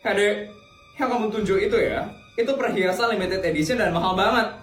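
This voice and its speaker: A woman's voice: medium pitch, a little fast, natural voice. A woman playing a sneering shop clerk. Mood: scornful. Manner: scornful, mocking. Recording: echoey room with music behind.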